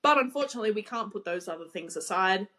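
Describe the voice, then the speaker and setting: A woman's voice: medium pitch, animated, quick pace, pushed and bright. A woman hosting a casual racing podcast, opening the show and weighing her words with care. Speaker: podcast host. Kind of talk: casual chat.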